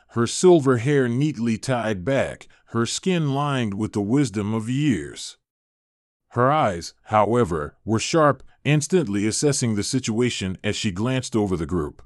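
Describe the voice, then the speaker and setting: A man narrating a horror story in a steady, dramatic storytelling manner. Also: medium pitch, dry recording, studio quality.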